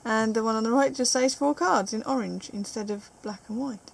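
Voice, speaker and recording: A woman's voice: a little high, normal speed, creaky. A woman with a British accent, chatting playfully at home while opening trading cards and reading them aloud. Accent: British English. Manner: playful, chatty, reads card text aloud. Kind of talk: casual chat. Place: living room at home.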